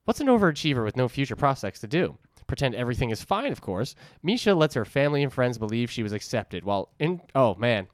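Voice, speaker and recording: A man's voice: mid-range voice, very animated, fast talker, few pauses, dry recording, studio quality. Jokey man with a New England accent. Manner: jokey, wandering asides. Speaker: podcast co-host. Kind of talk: casual chat, reading book blurbs.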